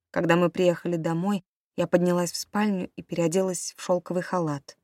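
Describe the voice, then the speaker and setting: A woman reading a novel aloud in the first person, as a steady audiobook narrator. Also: low voice, no echo, studio quality.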